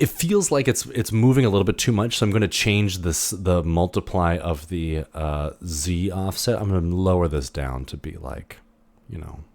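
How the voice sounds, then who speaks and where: In a casual screen recording, a deep-voiced man teaches software, reasoning aloud and frequently restarting or using fillers.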